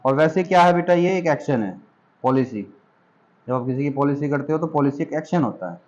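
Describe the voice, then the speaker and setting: A man's voice: fairly high pitch, a little fast, darkish tone, muffled recording. A man teaching a classroom grammar lesson, patiently asking questions, repeating points and checking that his students follow. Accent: Hindi.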